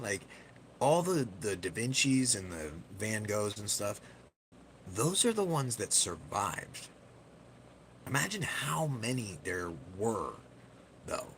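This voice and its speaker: A man hosting a casual livestream, rambling loosely and poking fun at himself. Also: on the low side. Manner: rambling, self-deprecating, loose. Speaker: livestream host. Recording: steady background hiss.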